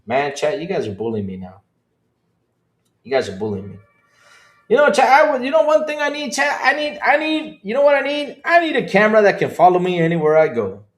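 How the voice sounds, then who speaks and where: Animated man chatting with a livestream audience. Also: high-pitched, a little fast, echoey room. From Dominican Republic. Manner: animated, laughing, swings between loud outbursts and mumbled asides. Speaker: podcast host. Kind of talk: casual livestream chat.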